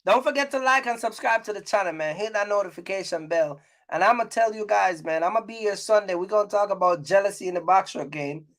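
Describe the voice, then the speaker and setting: Talking fast with few pauses, a man with a distinctly high, slightly bright voice hosts a YouTube vlog about the trucking business. He's casual, colloquial and full of opinion, emphatically hammering points through repetition.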